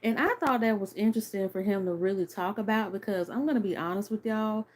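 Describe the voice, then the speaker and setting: Here a woman in her thirties speaks quickly at a medium pitch, reviewing something for the camera in a relaxed way. Chatty and sincere with strong opinions, she often fills gaps with words like "like" and "you know."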